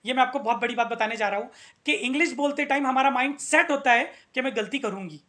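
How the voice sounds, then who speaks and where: A man's voice: very high voice, fast, sharp tone. A male English teacher giving a motivational video lesson, earnest, repeating his key points and asking rhetorical questions.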